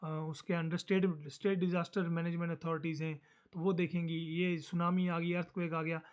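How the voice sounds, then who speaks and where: A man teaching a social studies lesson fast and casually, mixing Hindi with English terms. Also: fairly high pitch, level tone, clean tone, lo-fi sound.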